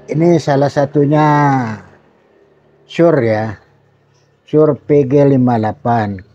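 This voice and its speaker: An older retired man, the channel's host, slowly showing his old microphones in a rambling, casual way with many fillers. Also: mid-range voice, warm tone. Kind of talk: casual show-and-tell about microphones. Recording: dull lo-fi dry sound.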